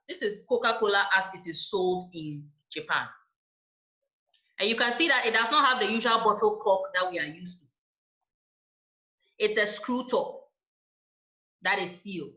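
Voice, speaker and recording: A woman lecturer giving a university lecture, explaining points in a measured way and checking in with "right?". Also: mid-range voice, sharp tone. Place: lecture room. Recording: echoey room, dull lo-fi sound.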